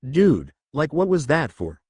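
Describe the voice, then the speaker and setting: A man's voice: fairly high pitch, big pitch swings, unhurried, darkish tone, breathy edge, dry recording, full character voice. Brief: nervous stammering teen boy, dog-obsessed, dry close sound, voiced by a man. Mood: worried.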